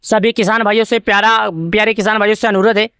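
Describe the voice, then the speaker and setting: A woman's voice: medium pitch, steady tone, fast, fairly bright tone, clear, resonant tone, dry recording, studio quality. A woman from Uttar Pradesh presenting a news channel, narrating a screen-recorded tutorial step by step and speaking directly to farmers in a repetitive way. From Uttar Pradesh, India.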